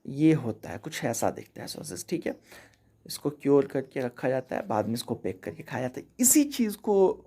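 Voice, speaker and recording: A man's voice: medium pitch, very animated, moderate pace, warm tone. A man from India giving a casual, chatty vocabulary lesson over slides, explaining each word and checking in with "theek hai" after every point. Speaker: English teacher.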